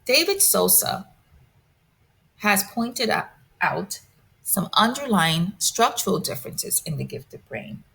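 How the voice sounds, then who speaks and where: A woman presenting a lecture, reading a prepared script in a measured, deliberate way. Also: medium pitch, very animated, vocal fry, pushed and bright.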